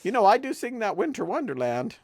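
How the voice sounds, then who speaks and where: A woman's voice: medium pitch, sing-song, brisk, darkish tone, no room sound. A woman co-hosting a casual comedy chat show, teasing and theatrical, with a habit of repeating catchphrases. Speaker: co-host.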